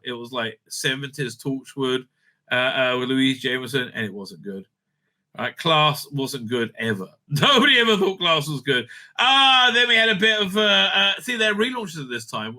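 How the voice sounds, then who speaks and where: Reviewing audio drama releases in a casual, improvised commentary, this male host speaks at a fairly high pitch with a bright, forceful tone. He's blunt and opinionated, swears, rambles and repeats himself.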